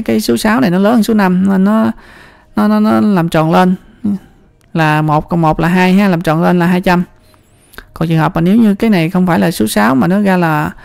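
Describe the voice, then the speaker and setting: This instructor speaks with a Southern Vietnamese accent and a gravelly, slightly rough voice. The delivery is a loose, chatty walk-through of a spreadsheet lesson, with repeated words and frequent check-ins with the viewer. The sound is dry, with no room echo. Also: mid-range voice, a little mellow. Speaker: computer skills instructor. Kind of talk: screen-recorded spreadsheet tutorial.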